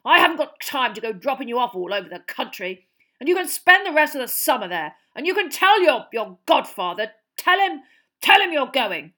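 A woman's voice: medium pitch, expressive, normal speed, gravelly, hardly any pauses, breathy edge, heavily acted. Uncle Vernon, a woman playing a raging uncle. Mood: blustering. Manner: loud, spluttering, hissing with rage. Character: blustering furious middle-aged uncle, bully.

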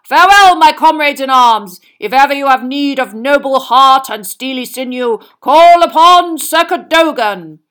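A woman voicing a small, pompous, reckless male knight who bellows archaic battle cries in a high, loud voice. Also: expressive, unhurried, hardly any pauses. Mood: rousing.

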